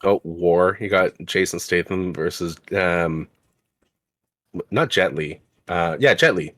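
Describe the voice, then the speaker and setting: A man's voice: sits low, slow, fairly bright tone, no room sound. A young man co-hosting a podcast in casual chat, rambling through lists and teasing playfully. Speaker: podcast co-host.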